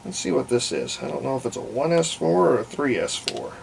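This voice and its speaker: This hobbyist restorer gives unscripted, casual commentary at his workbench, thinking aloud through a restoration for a repair video. The mid-range voice swings widely in pitch, moves a little fast, and sounds gravelly and creaky against clear background noise.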